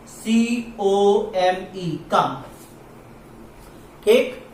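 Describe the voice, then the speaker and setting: A man teaching an English grammar lesson, explaining slowly and spelling out words letter by letter. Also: sits high, darkish tone, recorded from a distance, a little hiss or hum. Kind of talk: classroom lesson. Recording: echoey room recorded from afar.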